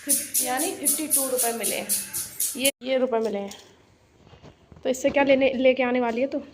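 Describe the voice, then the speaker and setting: A woman's voice: high voice, normal speed. Chatty young woman vlogging, noisy background. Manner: chatty, addresses viewers directly. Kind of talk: casual vlog chat.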